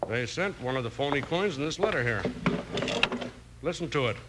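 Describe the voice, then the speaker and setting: An actor playing a genial, helpful small-town frontier banker in an old-time radio western. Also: male voice, medium pitch, animated, normal speed, natural voice. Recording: faintly noisy old radio recording.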